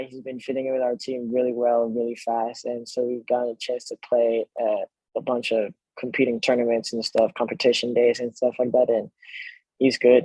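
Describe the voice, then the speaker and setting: A man's voice: medium pitch, slightly rough, no room sound, rough recording. A French-born man whose first language is French, a professional soccer player chatting easily as a podcast guest. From France. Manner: relaxed, chatty, laughs easily. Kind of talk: casual podcast interview.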